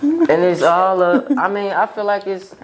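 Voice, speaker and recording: A man's voice: high-pitched, animated, normal speed, crowd noise. A man in casual group banter, talking in loose, slangy, conversational phrases. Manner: slangy, conversational, repeats "you know what I'm saying". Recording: echoey room with clear background noise.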